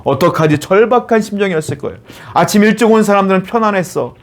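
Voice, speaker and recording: A man preaching in a sermon style, voice set a little higher than most men's. He reads a Bible passage and then explains it to the congregation. He voices the grumbling of the workers in the story and puts rhetorical questions to his listeners. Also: animated, quick pace. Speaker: pastor.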